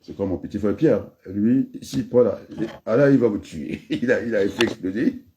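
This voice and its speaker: Deep-voiced rambling Congolese man. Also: normal speed, mellow, slight background noise. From Republic of the Congo. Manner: rambling, digressive, with many restarts and asides. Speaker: speaker. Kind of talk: freewheeling spoken address.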